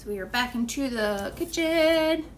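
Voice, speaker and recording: Young woman, home baker, easy unhurried chatter, kitchen camera mic with a faint hiss. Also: on the high side, lively intonation, reverberant, distant mic. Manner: chatty, talks to her dog in a cooing voice. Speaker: home baking channel host. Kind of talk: casual chat while doing chores.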